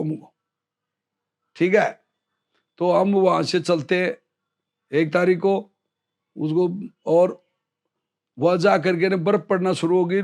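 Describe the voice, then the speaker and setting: A middle-aged Indian army veteran telling a war story as an interview guest, acting out the quoted dialogue. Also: male voice, high-pitched, darkish tone. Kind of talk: storytelling in casual conversation.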